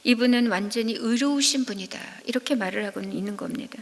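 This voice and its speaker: A woman evangelist giving a sermon at a midweek prayer service, speaking in an earnest, measured preaching manner. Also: on the high side. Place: church sanctuary. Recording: long reverb of a church hall.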